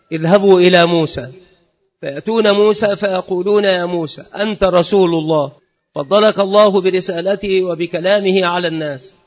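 High-voiced man reading religious texts. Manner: measured, formal recitation. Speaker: religious teacher. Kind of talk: reading and explaining hadith. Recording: dull lo-fi recording in a reverberant hall.

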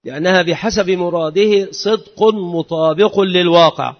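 A man reads and explains hadith in a measured, formal recitation. His voice sits high for a man. The recording is muffled and lo-fi, and a long hall reverb trails each phrase. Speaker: religious teacher.

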